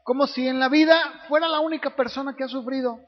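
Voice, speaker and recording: A man preaching in a church, with a voice pitched notably high for a man. His words ring out with a long hall reverb, and the recording sounds dull and lo-fi. He keeps asking his listeners rhetorical questions. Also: steady tone, fast talker. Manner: preaches with frequent rhetorical tag questions, acting out voices of others. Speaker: pastor. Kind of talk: sermon.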